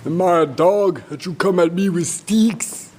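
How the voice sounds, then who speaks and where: A man's voice: high-pitched, a little slow, a little mellow, a little hiss or hum, pitched above the performer's own voice. A man voicing a boastful giant warrior who taunts and laughs scornfully at his foe. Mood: mocking.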